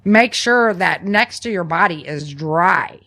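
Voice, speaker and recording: With a lowish voice that sounds pushed and bright, a woman podcast host takes her time, speaking expressively. She goes through survival tips from her notes in a conversational, teaching manner, frequently adding "right?"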